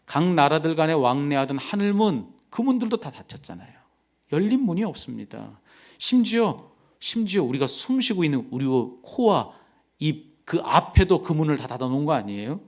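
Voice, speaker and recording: Gravelly pastor preaching with whispered hushes. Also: male voice, a little high, sing-song, moderate pace. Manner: swings from loud emphasis to soft whispered comfort. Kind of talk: sermon.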